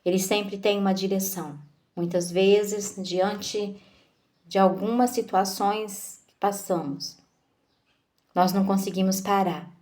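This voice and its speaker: A woman giving a devotional talk, slow and measured, asking her listeners questions. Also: medium pitch, fairly even intonation, darkish tone.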